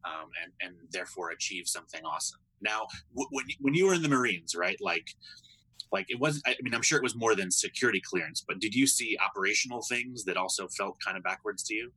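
A man who is a computer scientist, a guest on a podcast, answering in a thoughtful, measured way. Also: on the low side, expressive, sharp tone, breathy edge, no echo, poor audio. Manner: thoughtful, measured, often asks "right?". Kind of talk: conversational interview answers.

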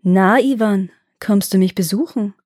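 A woman voicing the Frost as a playful winter spirit in a fairy tale reading, speaking slowly and calmly. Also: mid-range voice, no room sound, studio quality, lightly acted. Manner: slow and calm.

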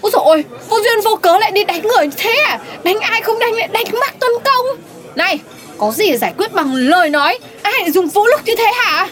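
A woman's voice: extremely high pitch, animated, a little fast, a bit bright. A woman playing a feisty old café owner. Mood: scolding. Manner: bossy, scolding, swooping. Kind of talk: comedic audio drama.

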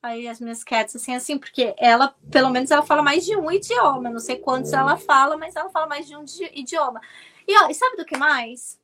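A woman from Brazil, in her thirties, telling stories as an interview guest, animated and often restarting her words. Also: sits high, fairly quick. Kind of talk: casual storytelling.

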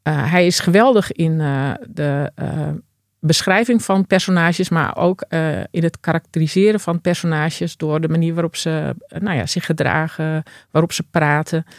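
A woman's voice: low voice, moderate pace, no room sound, studio quality. A woman translator talking as a guest in an interview, hesitant and full of fillers. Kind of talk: casual interview talk.

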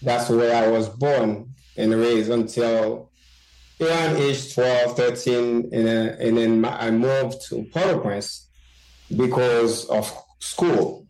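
A man from Haiti speaks as an interview guest, working through his answers slowly with frequent fillers and restarts. His voice sits at an ordinary pitch, and the recording carries a roomy echo. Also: darkish tone. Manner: halting, many fillers and restarts. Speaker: guest journalist. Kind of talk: interview conversation.

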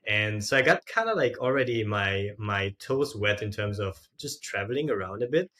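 Speaking at normal speed, an Austrian man with a lowish, expressive, fairly bright voice shares his story as a podcast guest. His phrasing is informal and loosely strung, full of "like" and "sorta".

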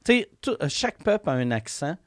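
A man with a Quebec French accent hosting a podcast in relaxed, casual conversation. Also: fairly high pitch, fast, no echo, studio quality. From Quebec City. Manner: relaxed, chatty, laughs easily. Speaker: podcast host. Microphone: studio mic.

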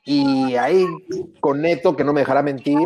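A man's voice: medium pitch, fairly even intonation, moderate pace, dark tone. A man speaking as a guest in a casual talk, thoughtfully recalling a match. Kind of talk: casual chat.

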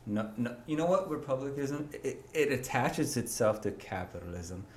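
A young man holding forth on a podcast, his voice ringing with a roomy echo over a faint hiss. He talks emphatically and pushes harder when he makes a point, at a middling pitch. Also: animated, normal speed, a little mellow. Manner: emphatic, opinionated, rises when arguing. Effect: echoey sound on his voice. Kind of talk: casual political chat. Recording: echoey room, faint ambient hiss.

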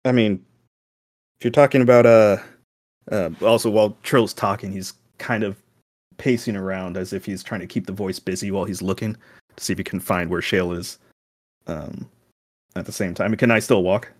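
A man's voice: on the low side, fairly even intonation, moderate pace, long pauses, no echo, studio quality. A man casually narrating his character's actions as a player in a tabletop game.

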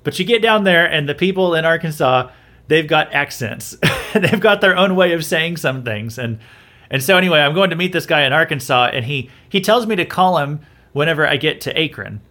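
A man from the southern United States hosts a podcast, giving casual, opinionated commentary on the news in a conversational way. His voice is a little high, pushed and bright, and he talks animatedly and a little fast, often repeating himself and restarting sentences.

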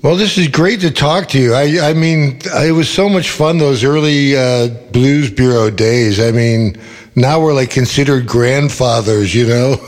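A middle-aged man hosting a podcast interview, friendly and encouraging, quick to agree with his guest. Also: mid-range voice, in a large hall. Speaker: podcast host. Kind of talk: casual interview chat.

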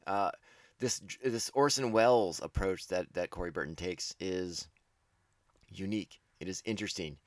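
A man's voice: sits low, moderate pace, dry recording, clean studio sound. A man hosting a casual podcast commentary, rambling with frequent restarts and self-corrections, enthusiastic and laughing at himself.

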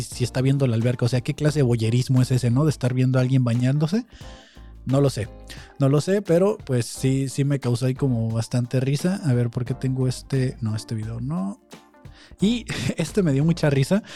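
A man's voice: mid-range voice, mellow. Chatty Mexican man reacting to clips. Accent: Mexican Spanish. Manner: chatty, incredulous, many "o sea" fillers. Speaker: podcast host. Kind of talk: casual reaction commentary. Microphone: close studio mic.

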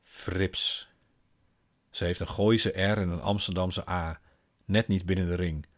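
A man, a father, reading a first-person literary story in a calm, wry, observant manner. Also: sits low, moderate pace. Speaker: father and narrator.

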